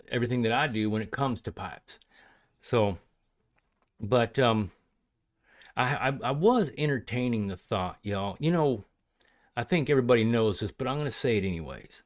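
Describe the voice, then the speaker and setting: A man chatting casually to viewers as a hobbyist crafter, in a folksy, hesitant, rambling way. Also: medium pitch. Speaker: pipe hobbyist and leather crafter showing his work. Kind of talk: casual vlog chat to viewers.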